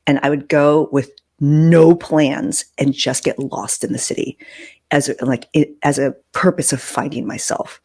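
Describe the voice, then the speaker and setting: A middle-aged woman hosts a podcast, telling personal stories candidly and informally, with some swearing. Her voice is low and darkish in tone.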